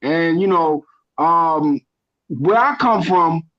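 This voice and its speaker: A man's voice: fairly high pitch, slow. A man from Ghana, a guest on a podcast, talking crypto in a passionate, rambling way and often correcting himself. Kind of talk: casual crypto chat. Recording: dull lo-fi stream audio.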